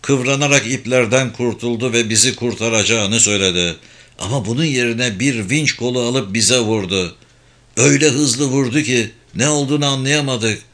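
A man's voice: medium pitch, moderate pace, a bit bright, lightly acted. A man voicing a badly wounded, dying male sailor who speaks bitterly in an audiobook.

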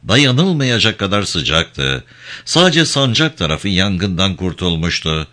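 A man narrates a tense thriller audiobook in a low register. His delivery is bright and forward, with wide dramatic swings in pitch. He reads with steady storytelling focus. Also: takes it slowly. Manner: expressive, dramatic.

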